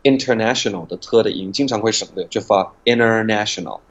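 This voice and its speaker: Husky-voiced man explaining pronunciation. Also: lowish voice, lo-fi sound. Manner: patient, demonstrates sounds slowly. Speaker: guest, pronunciation teacher.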